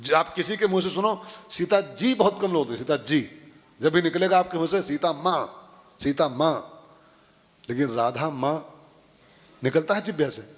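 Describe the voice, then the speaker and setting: A man's voice: a little high, moderate pace, long pauses, in a large hall. A man preaching a devotional sermon, telling stories with acted-out quotes and often asking his audience "हाँ?". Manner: animated, acts out quotes, asks "हाँ?" to the audience. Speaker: preacher giving a religious discourse.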